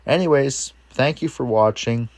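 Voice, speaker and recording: A man's voice: mid-range voice, moderate pace, darkish tone, no room sound. A man vlogging outdoors while he cooks and tastes his food, chatting in an upbeat, rambling way. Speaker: cooking vlogger. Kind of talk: casual chat while tasting food.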